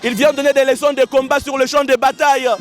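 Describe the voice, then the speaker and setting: A man with a hoarse voice, giving live, excitable commentary at an outdoor wrestling gala and often repeating his lines. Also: very high-pitched, quick pace. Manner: excitable, shouting, repeating phrases. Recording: outdoor event with loud crowd and music.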